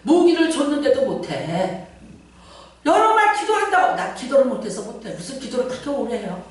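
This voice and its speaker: A woman's voice: fairly high pitch, very animated, fairly quick. Fiery woman pastor in an echoing hall. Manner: fervent, dramatic, shifts between shouting and hushed asides. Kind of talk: Pentecostal sermon. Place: large church sanctuary. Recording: very echoey church hall, from far off.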